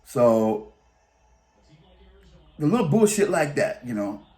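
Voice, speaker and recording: A man's voice: mid-range voice, big pitch swings, takes it slowly, a little mellow. Rambling man telling a story. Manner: rambling, colloquial, restarts sentences. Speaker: vlogger. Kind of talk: casual storytelling.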